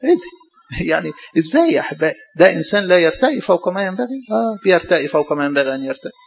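A man with an Egyptian accent, a priest giving a sermon, animated, with mocking asides to the congregation. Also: high-pitched, racing, creaky, dull audio. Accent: Egyptian Arabic.

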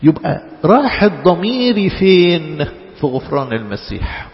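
High-voiced Egyptian priest preaching in a reverberant hall. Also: male voice, very animated, dull audio. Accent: Egyptian Arabic. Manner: preaching with sudden loud emphatic rises and slow drawn-out quotes. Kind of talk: sermon.

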